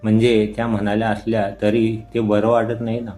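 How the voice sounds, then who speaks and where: A man's voice: a little fast, natural voice. A man reading a teasing young woman. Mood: cheerful. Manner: reads her lines in his own low, even voice. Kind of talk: storybook reading.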